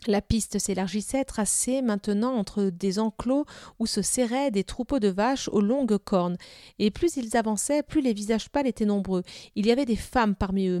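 A woman narrating a children's novel aloud in a clear, even storytelling manner. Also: mid-range voice, no room sound, clean studio sound.

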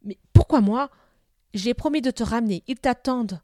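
A woman reading aloud and voicing a calm, impassive chief who talks steadily. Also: fairly high pitch, brisk, dry recording, clean studio sound, lightly acted. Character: calm male Comanche chief, older, impassive.

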